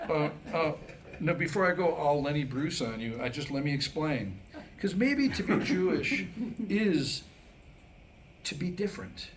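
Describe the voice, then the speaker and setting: In a noisy live room, an American writer and performer gives a staged comedic monologue from his new script to a small audience. His slightly high voice is sing-song, and his wry, self-deprecating delivery leans on deliberate pauses around punchlines.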